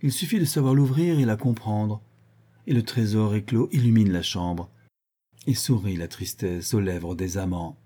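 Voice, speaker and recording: A man's voice: on the low side, normal speed, warm tone, husky. A man voicing a witty, irritable young man who speaks sarcastically, in a storybook reading. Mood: exasperated.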